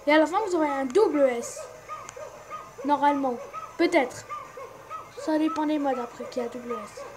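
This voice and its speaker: Speaking at normal speed with a high, lively voice, a young woman hosting a gaming channel chats casually about a rhythm game. She giggles and pokes fun at herself while soft game music plays underneath, and the audio quality is poor.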